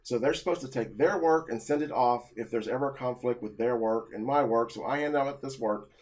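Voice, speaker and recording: A man who works as an office analyst, telling a personal work story in an agitated, halting way with many restarts. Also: mid-range voice, a little mellow.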